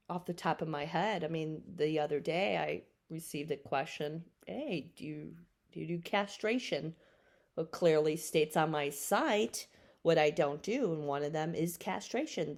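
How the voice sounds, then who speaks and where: A woman in her forties hosts a solo podcast, answering questions off the cuff in casual, unscripted talk. She's frank, rambling, and matter-of-fact, with a lowish, gravelly, somewhat mellow voice.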